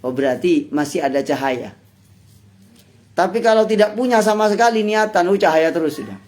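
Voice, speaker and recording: A Javanese-accented man, an Islamic preacher, giving a conversational study-circle sermon with loud bursts and soft asides. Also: high-pitched, lively intonation, normal speed. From Indonesia.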